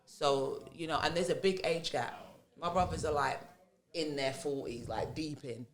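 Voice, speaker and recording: A woman's voice: low voice, normal speed. A woman in her thirties from England with a London accent, a podcast guest talking frankly and swearing freely in casual chat, laughing often. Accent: London English. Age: 30s.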